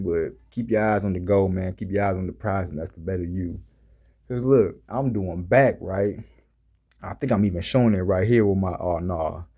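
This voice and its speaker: A man's voice: on the low side, dark tone. A young man casually telling a gym story to his viewers in a laid-back, slangy way. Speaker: fitness vlogger.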